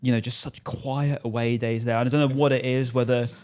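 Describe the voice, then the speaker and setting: A man's voice: medium pitch, flat delivery, fairly quick, darkish tone. Chatty man talking football. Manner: chatty, rambling, lots of restarts and "you know". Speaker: podcast host. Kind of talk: casual pub football chat.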